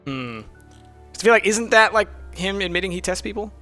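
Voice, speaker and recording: A young man streams a mystery game, casually thinking aloud in a muttering, musing let's-play commentary. His high voice is animated, pushed and bright at a normal speed, with soft music in the background.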